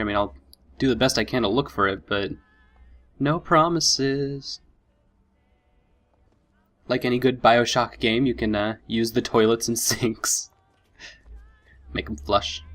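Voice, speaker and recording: A man's voice: mid-range voice, moderate pace, pauses often, fairly bright tone. A man hosting a let's play with casual commentary, thinking aloud and easily impressed. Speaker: gaming video host.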